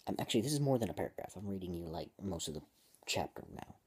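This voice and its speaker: A man's voice: low voice, expressive, quick pace, husky. A man reading his own story aloud, stopping often to joke and comment on his writing. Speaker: amateur writer and vlogger.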